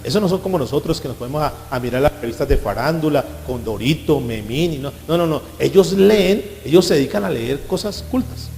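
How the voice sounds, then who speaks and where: A man's voice: fairly high pitch, animated, fairly quick, gravelly, hardly any pauses, a little mellow, long reverb tail, slight background noise. A man preaching as pastor, passionate, acting out quoted voices in his sermon.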